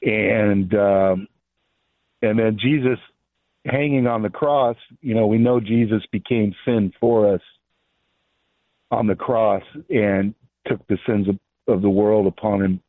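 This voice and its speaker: A man calling in to a radio show over the phone, asking his question haltingly with fillers and restarts. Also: lowish voice, fairly even intonation, no room sound. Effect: phone line call-in. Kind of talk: call-in question. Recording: tinny phone line.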